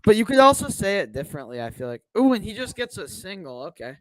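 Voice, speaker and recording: A young man co-hosting a podcast, chatting casually and calling the game at a watch party, rambling and excitable. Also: high-pitched, quick pace, no room sound. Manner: rambling, excitable, lots of fillers and laughs. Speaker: podcast co-host and Cubs fan. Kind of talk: casual play-by-play chat during a watch party.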